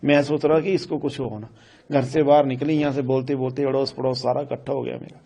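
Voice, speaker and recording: A middle-aged man from Himachal Pradesh, a grieving father, recounting events in a news interview in a halting, repetitive way, often quoting what his family said. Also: medium pitch, flat delivery, creaky, warm tone. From Himachal Pradesh, India. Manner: repetitive, halting storytelling that quotes family dialogue.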